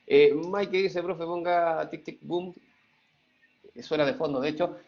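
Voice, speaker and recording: Gravelly teacher, lo-fi. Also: male voice, a little high, fairly even intonation, unhurried, darkish tone. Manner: reads student chat aloud, playful. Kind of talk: online class lecture. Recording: dull lo-fi sound.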